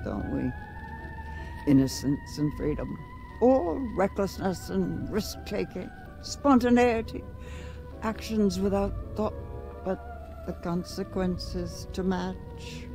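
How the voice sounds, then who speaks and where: Spooky old lady fortune teller from a video game, slow and mysterious, kinda coaxing, bit of music behind. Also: medium pitch, full character voice. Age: older. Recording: music faintly underneath.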